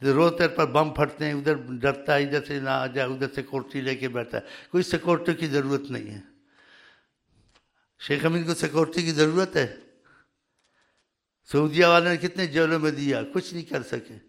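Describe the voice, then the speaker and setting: A man addresses his followers as their spiritual leader, with a fairly high voice that has a sharp, bright edge. He lectures in a fiery, scolding way and presses each point hard. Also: creaky. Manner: fiery, scolding, grows loud and emphatic. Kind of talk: religious talk to followers.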